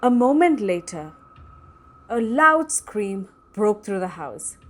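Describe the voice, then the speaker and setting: A woman host reading a scary story aloud in a slow, dramatic storytelling manner. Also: mid-range voice, sing-song. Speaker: storytelling cooking channel host.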